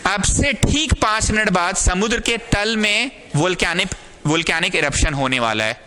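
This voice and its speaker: Bright, lively man teaching a class. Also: sits high, moderate pace, slight background noise. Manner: lively, teasing students, acts out examples. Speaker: physics teacher. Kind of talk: classroom lecture.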